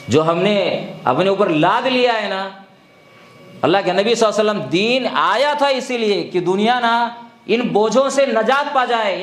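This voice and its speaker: A man's voice: sits high, fairly bright tone, reverberant. A man preaching a sermon, exhorting his listeners with rhetorical questions.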